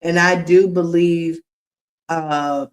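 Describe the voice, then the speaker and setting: On a livestream, a woman chats casually to her viewers, speaking to them directly in a slow, drawn-out way. Her voice is fairly low-pitched with a steady tone.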